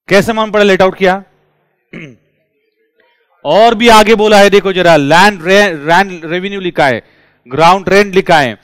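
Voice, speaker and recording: A man teaching a class, lively and drilling his students with repeated questions. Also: sits high, smooth, dry recording. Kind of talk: classroom lecture.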